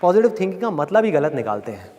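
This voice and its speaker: A man's voice: sits high, very animated, fast, warm tone, muffled recording, slight background noise. Middle-aged man speaking to a hall crowd. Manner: conversational, teasing the audience, mock-scolding with acted quotes. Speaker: motivational speaker. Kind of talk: live motivational talk to an audience. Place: large hall with live audience. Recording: long hall reverb, faint crowd.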